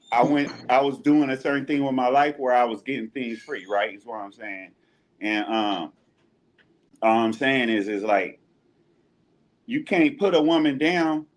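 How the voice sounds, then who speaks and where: A man talking in a rambling, halting way in a casual podcast chat. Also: mid-range voice. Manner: rambling, halting, with many restarts.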